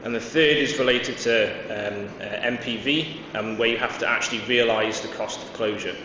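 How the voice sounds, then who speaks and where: Hesitant and prone to fillers and false starts, this conference speaker from Wales talks at a moderate pace in a mid-range voice with fairly even intonation. The mic is distant, leaving the sound dull, noisy, and echoey in the big conference hall.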